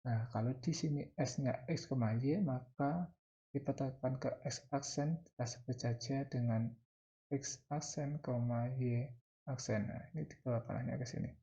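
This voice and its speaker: Dark-voiced, creaky Indonesian male teacher dictating. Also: mid-range voice. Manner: dictating, pausing between short phrases and repeating key terms. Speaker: mathematics teacher. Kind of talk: spoken math lesson, explaining step by step.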